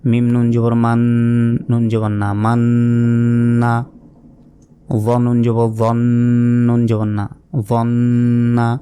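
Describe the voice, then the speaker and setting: A patient male teacher with a Bangladeshi Bengali accent, spelling out syllables one at a time and asking the class rhetorical questions. His voice is mellow and dark, at an ordinary male pitch, and he talks at a steady classroom pace. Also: a little slow, smooth. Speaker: Quran reading teacher. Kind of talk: slow spelling-out lesson.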